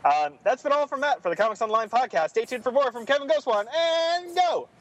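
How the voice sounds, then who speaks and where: A man's voice: extremely high pitch, lively intonation, brisk, fairly bright tone. A man phoning in from a car speakerphone while driving, his signal dropping in and out, chatting casually and trailing off mid-sentence as a podcast contributor. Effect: phone call on a car speakerphone while driving. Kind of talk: casual chat. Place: in a moving car.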